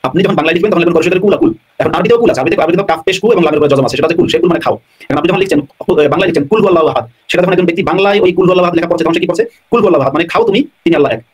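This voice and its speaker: A man's voice: fairly high pitch, breathy edge. A man answering viewers' questions on a live online talk show, explaining at length and repeating his points. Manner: explanatory, talks fast, repeats phrases. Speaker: guest scholar answering questions.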